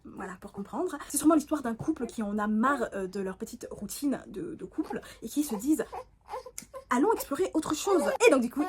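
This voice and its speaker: A woman's voice: a little high, slight background noise. Playful giggly woman chatting about books. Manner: playful, giggly, makes things up as she goes. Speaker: booktuber. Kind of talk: casual chat to camera.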